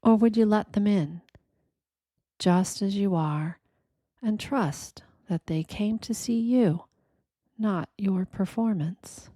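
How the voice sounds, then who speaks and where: A woman gives a quiet, reflective scripted reading in a gentle, deliberate manner, leaving pauses between short phrases. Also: mid-range voice, no room sound, clean studio sound. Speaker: narrator of a reflective spiritual reading.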